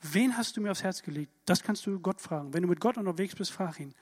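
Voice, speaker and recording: High-voiced emphatic preacher in a hall. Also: male voice, fast talker. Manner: lively, emphatic preaching with rhetorical questions. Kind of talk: sermon. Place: church hall. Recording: church hall reverb.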